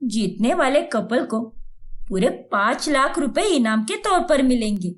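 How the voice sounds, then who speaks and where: Woman playing a loud-mouthed fiery young wife, high voice, slow scolding, cartoon. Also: expressive. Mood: brash. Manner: brash, scolding. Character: bold, fiery young wife, quick to fight.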